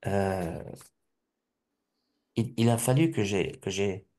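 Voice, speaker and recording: A middle-aged man from Alsace giving a personal testimony, halting and restarting often with repeated words. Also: on the low side, warm tone. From Alsace, France.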